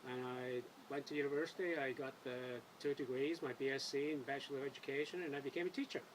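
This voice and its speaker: A man in his seventies from Scotland, giving a halting interview answer as a council candidate. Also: mid-range voice, steady tone, a little hiss or hum, rough recording. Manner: halting, many fillers.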